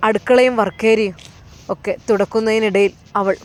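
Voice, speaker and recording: A woman's voice: mid-range voice, fairly even intonation, moderate pace. A woman narrating a family story with a Malappuram Malayalam accent, in an emotive storytelling manner.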